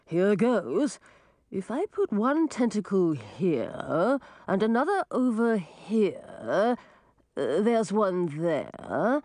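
A woman's voice: medium pitch, very animated, very slow, warm tone, no room sound, clean studio sound. A woman reading a storybook aloud and voicing a quarrelsome, grumbling male octopus. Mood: strained. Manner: grumbling, touchy.

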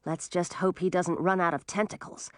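A woman reading a storybook and voicing a calm, practical male creature who leads the way. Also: on the low side, moderate pace, no room sound, clean studio sound, close to an everyday voice.

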